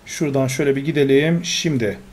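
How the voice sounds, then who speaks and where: A man's voice: mid-range voice, fast talker. A man commentating his own gameplay, talking to himself and getting exasperated. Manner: talks to himself, excitable, exasperated. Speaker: gamer. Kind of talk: Let's Play commentary.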